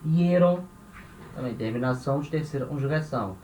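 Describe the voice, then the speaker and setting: Speaking briskly in a mellow, medium-pitched voice, a man from Brazil explains Spanish grammar and keeps repeating his points. Nearly every phrase ends with a check-in like "né?" or "tá?", and the echoey room carries faint ambient noise.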